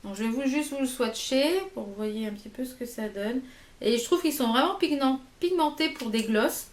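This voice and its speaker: A woman with a high voice chats casually through a makeup haul, pausing often with fillers as she shows each product. Her voice rings in a roomy, echoey space at home. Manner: hesitant, many fillers, shows products to camera. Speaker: beauty vlogger.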